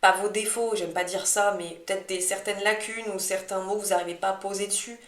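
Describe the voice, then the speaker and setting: A woman's voice: mid-range voice, steady tone, brisk. A talkative woman co-hosting a podcast, chatting casually and drifting into digressions as she tells her own story. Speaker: astrology podcast co-host. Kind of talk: casual conversational chat about personal experience. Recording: echoey room.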